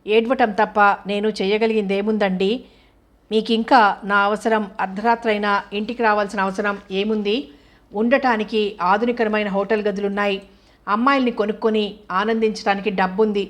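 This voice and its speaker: A woman's voice: mid-range voice, flat delivery, a little fast, lightly acted. A woman voicing an angry, hurt young wife who accuses her husband with bitter sarcasm. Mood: bitter, reproachful.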